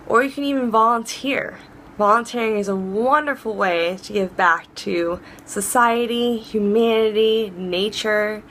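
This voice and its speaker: A woman's voice: medium pitch, a little hiss or hum. Chatty, encouraging woman vlogger. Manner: chatty and rambling, with frequent restarts and laughs; warm, encouraging and upbeat. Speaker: vlog host. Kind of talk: casual advice vlog.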